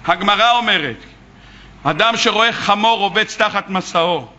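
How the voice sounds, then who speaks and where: A man, a rabbi, preaching a sermon with animated storytelling and questions to his audience. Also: sits high. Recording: muffled lo-fi recording.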